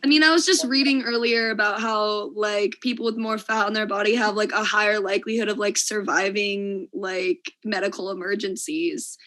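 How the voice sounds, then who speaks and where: A woman chats casually, her talk loose and full of "like". Her voice is bright and forward. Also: mid-range voice. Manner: chatty, many fillers. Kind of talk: casual chat.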